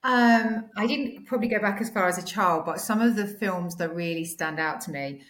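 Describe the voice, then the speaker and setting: A woman in her forties with a slightly croaky, sore-throated voice, chatting casually and a little hesitantly as a podcast guest. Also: medium pitch, normal speed, fairly bright tone. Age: 40s. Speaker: podcast guest, finance executive. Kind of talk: casual interview chat. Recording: echoey home recording.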